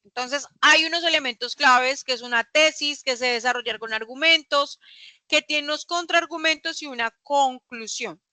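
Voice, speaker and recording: Bright high-voiced woman teacher. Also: normal speed, no room sound. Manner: explains patiently with rhetorical questions. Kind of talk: classroom lecture.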